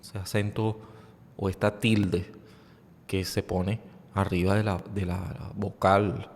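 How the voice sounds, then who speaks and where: Male podcast host, unhurried explainer, stops and restarts often, reverberant room. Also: low-pitched, level tone. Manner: halting, with many fillers and repeated words. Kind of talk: unscripted educational monologue. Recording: long hall reverb.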